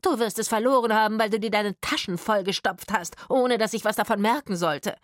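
A woman plays a bossy female crook who snaps and sneers with biting sarcasm. The voice is loud and raised above an everyday reading. The sound is close and dry. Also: fairly high pitch, very animated, moderate pace, no room sound, voice pushed up. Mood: scolding. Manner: scolding, sarcastic. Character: sharp-tongued female crook, scornful and bossy.

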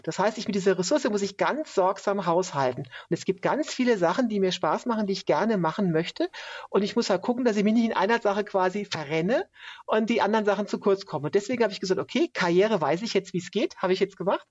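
A woman's voice: medium pitch, expressive, darkish tone, no echo, highs cut off. A woman in her fifties, a hiker and author, telling stories in a casual interview and acting out the people she quotes. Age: 50s. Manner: brisk, chatty storyteller, acts out quoted people. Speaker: guest, long-distance hiker and author.

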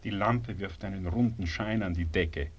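An actor playing a condemned revolutionary leader who calms his friend and then speaks of his fate, weary and bitter. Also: deep voice, normal speed, dull audio. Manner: calm and soothing, then wry and bitter. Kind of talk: stage drama performance.

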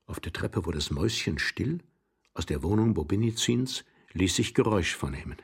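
A man's voice: deep voice, animated, husky. A man giving a theatrical, dramatic reading of a classic story for a radio production. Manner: theatrical, quick shifts between hushed and sharp. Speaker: reader. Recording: 1979 studio radio production.

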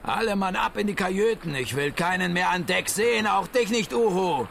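A man voicing a gruff ship captain who barks loud, fast orders at his crew. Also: a little hiss or hum. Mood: barking orders. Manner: booming, commanding. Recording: music playing under the voice.

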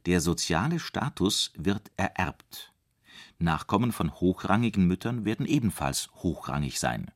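A man's voice: low voice, very animated, a little slow. A man reading scripted narration in the manner of a documentary.

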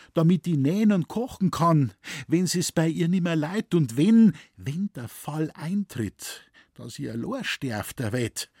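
A man's voice: fairly high pitch, darkish tone, breathy edge, no room sound, clean studio sound, pitched above the performer's own voice, exaggerated voice. A man reading a story, voicing an earnest young village girl in dialect.

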